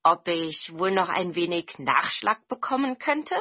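A woman's voice: fairly low pitch, animated, a little slow, highs cut off. A woman voicing a forgetful, kindly male goblin spirit in a storybook reading, with a cheerful, absent-minded manner.

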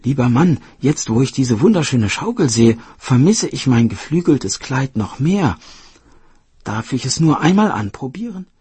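A man voicing the youngest female fairy in a storybook tale, pleading in a high voice. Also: sing-song, measured pace, warm tone, breathy edge, dry recording, heavily acted. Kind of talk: storybook narration.

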